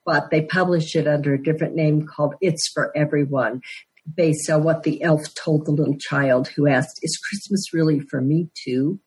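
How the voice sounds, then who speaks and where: A woman in her sixties from Denver, Colorado, appears as a guest on a conversational podcast, where she's introduced as an author and Christmas elf. Her voice is deep, husky and darkish, with fairly even intonation, and she tells her story earnestly, breaking into quick laughs. The recording is rough.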